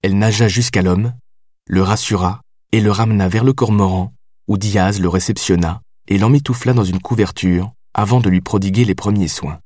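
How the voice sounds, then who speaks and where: Low-voiced male audiobook narrator. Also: moderate pace, darkish tone, no room sound, clean studio sound.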